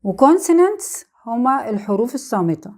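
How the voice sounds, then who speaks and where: A woman with an Egyptian Arabic accent teaching an English lesson on vowel rules, who repeats example words slowly and asks and answers her own questions. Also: on the high side, very animated, a little mellow.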